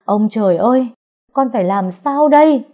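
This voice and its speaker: A woman's voice: lowish voice, normal speed, warm tone, breathy edge. Woman voicing an anguished young male healer. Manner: desperate, blunt.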